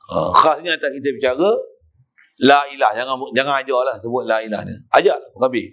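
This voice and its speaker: In a prayer hall, a middle-aged religious teacher with a Malaysian Malay accent gives a kitab lesson, telling stories and loudly demonstrating chanted recitations. He has a mid-range voice and talks a little fast.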